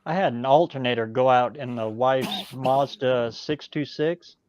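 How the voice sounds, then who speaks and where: A man's voice: medium pitch, unhurried, darkish tone, no room sound. A man talking casually, dry and matter-of-fact, heard over lo-fi call audio. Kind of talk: casual chat.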